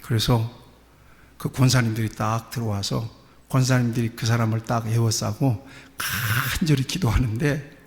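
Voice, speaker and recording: A man preaching a sermon as pastor, telling stories with lively asides. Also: medium pitch, moderate pace. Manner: animated storytelling, acting out quoted voices. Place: church sanctuary. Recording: church hall reverb.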